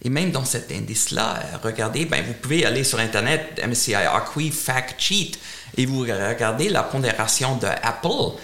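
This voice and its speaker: A middle-aged man from Germany speaking French as a second language with a German accent, answering interview questions in a halting way, often repeating words. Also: mid-range voice, animated, bright, forceful tone. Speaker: portfolio manager, interview guest.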